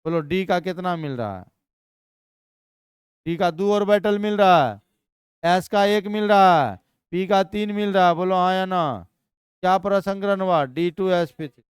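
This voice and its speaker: High-voiced man, chemistry lecture, lively and quizzing, very clear dry sound. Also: a little slow, long pauses, no room sound. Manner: energetic, questioning students constantly. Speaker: chemistry teacher. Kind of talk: live classroom lecture.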